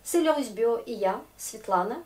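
A Russian teacher whose first language is Russian gives a slow, clear lesson in French, explaining patiently step by step. Her voice is fairly high, a little mellow, and animated, at a moderate pace.

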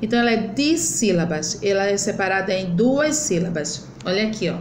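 A woman's voice: medium pitch, animated, fairly quick, a little hiss or hum. A young adult woman teaching children grammar, stretching words out syllable by syllable in a patient, explanatory way. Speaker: primary school teacher. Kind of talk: online grammar lesson for children. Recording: echoey room.

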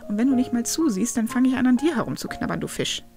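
A woman's voice: a little high, lively intonation, quick pace, creaky, dark tone, soft background music. A woman voicing a sassy, hungry young female wolf who talks in a huffy, proud way. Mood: cheeky. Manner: huffy and proud, then pleading.

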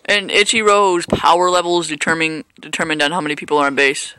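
A man's voice: fairly high pitch, fast talker, background noise. A man casually commentating his own baseball video game play, rambling and joking at himself with lots of fillers. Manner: rambling, self-mocking, hesitant with fillers. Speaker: gameplay commentator.

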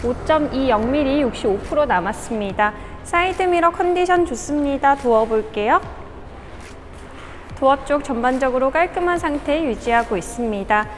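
High-voiced female car dealership presenter, polite and orderly scripted walkaround, music underneath. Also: animated, normal speed. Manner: polite, orderly inspection patter. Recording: music behind the voice. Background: background music.

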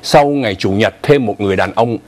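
His voice on the low side and a little mellow, a man in his sixties talks a little fast while co-hosting a morning news show. He explains stories chattily with asides, using a lapel mic in a TV studio.

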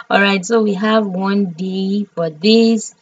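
Slow-talking Nigerian woman, dramatic streamer. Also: mid-range voice, no room sound, distant mic, poor audio. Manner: dramatic, expressive, chatty. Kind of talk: game stream commentary.

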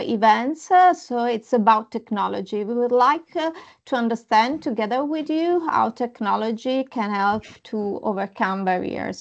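Woman host on a video call; halting delivery, slightly high pitch, dull lo-fi audio. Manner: hesitant, many pauses and fillers. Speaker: interviewer. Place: indoors at home. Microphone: headphones on a video call.

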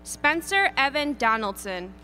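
A woman reading graduates' names at an outdoor graduation ceremony, announcing each one deliberately. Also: high-pitched, big pitch swings, sharp tone, a little hiss or hum. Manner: deliberate, lilting name announcing. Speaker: graduation name reader. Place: outdoor stadium ceremony over PA.

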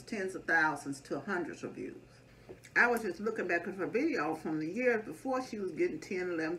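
A woman's voice: sits low, a bit bright. A middle-aged woman rambling casually to her viewers over a meal, telling stories in a homely chat. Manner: rambling storytelling, addresses viewers as y'all. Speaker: mukbang vlogger. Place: small indoor dining room. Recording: distant mic, faint background noise.

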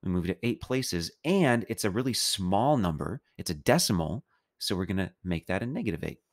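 Low-voiced casual chemistry teacher. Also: male voice. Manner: casual, playful explaining with a loose, chatty delivery. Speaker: chemistry instructor. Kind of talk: recorded math lecture.

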